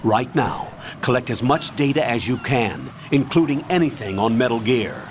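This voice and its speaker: A man's voice: mid-range voice, lively intonation, moderate pace, a little hiss or hum, lightly acted. An actor playing a male military colonel who gives firm orders. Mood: commanding.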